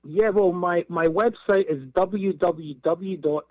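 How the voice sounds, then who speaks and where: A man's voice: sits high, takes it slowly, no echo, phone-quality sound. A man with a broad Scottish accent speaking conversationally as a business guest in an interview, often repeating words for emphasis.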